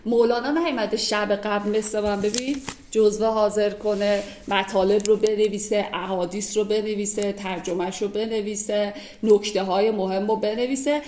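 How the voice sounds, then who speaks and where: A woman's voice: medium pitch, steady tone, darkish tone, echoey room. A woman teaching classical poetry, reciting verses and then explaining them in a conversational way with everyday examples.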